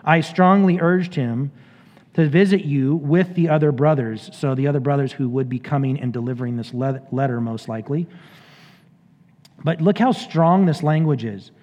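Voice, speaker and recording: Male pastor, sermon, slightly high voice, long reverb, muffled sound. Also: normal speed. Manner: conversational, animated paraphrasing of scripture.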